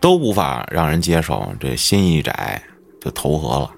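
Here a male podcast host spins a ghost story casually, cursing often and letting his pitch rise and fall dramatically. His delivery is sing-song at a normal speed, with some vocal fry, over soft background music.

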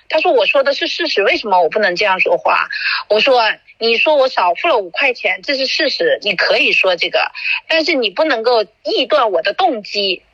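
A woman's voice: fairly high pitch, no echo, dull audio. A woman hosting a podcast, recounting an argument in casual chat and acting out the quoted dialogue. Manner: animated storytelling, acts out quoted dialogue. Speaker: podcast host.

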